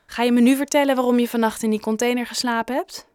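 A woman voicing a kind, gentle grown-up shopkeeper in an audiobook, coaxing and caring. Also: fairly high pitch, quick pace, clean tone, no echo, clean studio sound, voice pushed up, lightly acted. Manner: gentle, coaxing, sometimes lively. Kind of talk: audiobook character reading.

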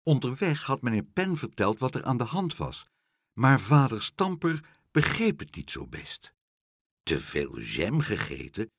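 Slow, expressive male storyteller. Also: medium pitch, dry recording. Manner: expressive, unhurried. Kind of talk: children's story reading.

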